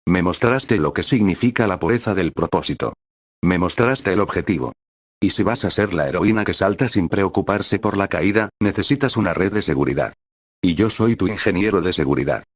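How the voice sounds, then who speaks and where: A man reading the lines of an earnest, devoted teenage boy hero in an even, unchanged voice. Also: sits low, normal speed, husky, no room sound, clean studio sound. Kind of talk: scripted fanfic reading.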